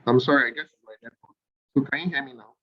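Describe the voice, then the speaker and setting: A man's voice: medium pitch, steady tone, very fast. Man on a glitchy call, volume jumping. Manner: hesitant, full of fillers. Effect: voice cutting up and down in volume from a bad connection. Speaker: meeting participant. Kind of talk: casual online meeting talk. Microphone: video call. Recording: dull lo-fi call audio.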